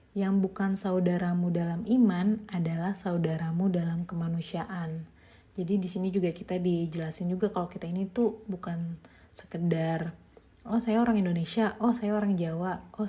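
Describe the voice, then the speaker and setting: Chatty young mother, mellow voice. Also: lowish voice. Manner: chatty, informal, lots of fillers, light laughs. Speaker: podcast host reviewing a book. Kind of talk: casual spoken book review.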